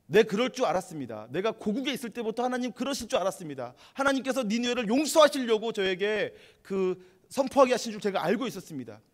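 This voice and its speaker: A male pastor voicing an angry male prophet who protests loudly to God, raised and heated. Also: high voice, sing-song, quick pace, few pauses, pitched above the performer's own voice. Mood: indignant.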